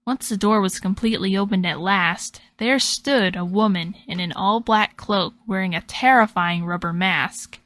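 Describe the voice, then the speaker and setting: A woman narrating a storybook tale in an expressive, dramatic way. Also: mid-range voice, moderate pace, hardly any pauses, no room sound.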